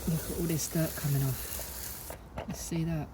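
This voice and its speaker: A man with an Essex accent casually talking through motorcycle maintenance outdoors, relaxed and rambling with fillers and self-corrections. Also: fairly high pitch, unhurried, background noise. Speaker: motorcycle vlogger. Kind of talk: casual how-to narration. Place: outdoors beside a parked motorcycle.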